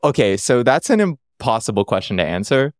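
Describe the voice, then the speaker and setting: A man's voice: mid-range voice, very animated, brisk, no echo, studio quality. A man from Canada chatting as a podcast guest, rambling and joking at his own expense. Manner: rambling, self-deprecating, jokey. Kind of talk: casual chat.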